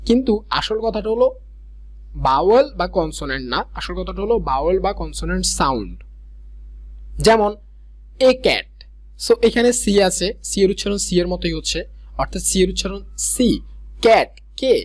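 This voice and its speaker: A young man teaching a grammar lesson, explaining step by step and reading English examples slowly. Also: sits high, sing-song. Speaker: grammar tutor.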